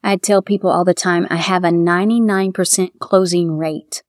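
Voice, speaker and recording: A middle-aged woman with a Kentucky accent, a bridal shop owner talking warmly and at length in a casual interview. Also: on the low side, normal speed, no room sound, studio quality. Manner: chatty, heartfelt, quotes others in lively voices.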